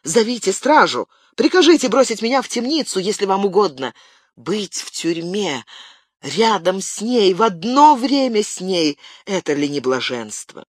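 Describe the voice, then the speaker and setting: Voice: medium pitch, very animated, normal speed, dry recording, clean studio sound, pitched above the performer's own voice. Gabriel, a reader voicing a fiery young nobleman. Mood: exultant. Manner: fervent, exclamatory outbursts. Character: passionate young nobleman, impulsive and proud. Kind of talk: audiobook character reading.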